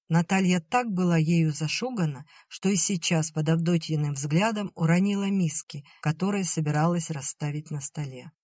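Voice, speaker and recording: An audiobook narrator reading a literary novel in an even, measured way. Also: medium pitch, no room sound, clean studio sound.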